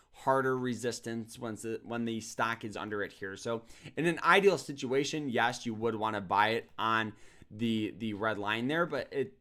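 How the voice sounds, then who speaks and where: Man, casual trading teacher, mid-pitched voice, upbeat, promotional, repeats himself. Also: fairly bright tone. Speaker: trading course host. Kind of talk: screen-share trading lesson.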